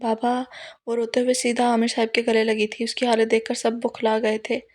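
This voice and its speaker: A woman narrating a romance novel in a steady, unhurried reading voice. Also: fairly high pitch. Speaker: novel reader.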